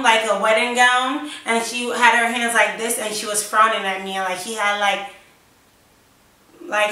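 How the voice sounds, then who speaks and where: A young woman telling a story in loose, rambling chat with a bright, slightly high voice. She sits away from the mic in a very echoey room. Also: distant mic. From United States, New York and Florida. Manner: rambling and chatty, lots of "like" and "yo". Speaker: vlogger. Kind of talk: casual storytime.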